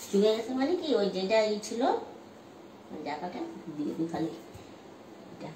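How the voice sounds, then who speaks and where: A woman's voice: mid-range voice, lively intonation, moderate pace, recorded from a distance. Woman calling to her dogs, off-mic. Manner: coaxing, scolding, calling to dogs. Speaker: vlogger caring for stray dogs. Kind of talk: casual chat with pets. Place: outdoors with dogs. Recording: roomy, off-mic phone audio with loud background noise.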